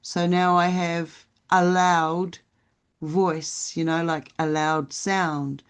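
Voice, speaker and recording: On a relaxed spiritual podcast, the co-host reflects and wanders in conversation, leaning heavily on fillers. The mid-range voice stays level and smooth, with drawn-out words.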